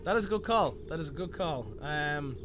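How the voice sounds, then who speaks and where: A young man from the Dublin area, with a mild Irish accent, streams a card game from a small indoor room, chatting with viewers through a headset while game music plays behind him. His fairly high voice is animated at a moderate pace over a noisy background, and he rambles, restarts often and mocks himself.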